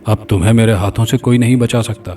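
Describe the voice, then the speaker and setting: A man's voice: fairly low pitch, fairly even intonation, dark tone, lightly acted. A man voicing a cold, menacing possessing spirit. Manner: cold, threatening. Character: menacing male spirit possessing an old father. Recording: distant mic, faint background music.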